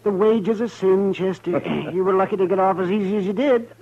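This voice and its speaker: Crusty western doctor, high-pitched, sardonic, needling, 1950s radio drama, dull old recording. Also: male voice, normal speed, warm tone. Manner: sardonic, throat-clearing. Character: crotchety, wry, needling male frontier doctor.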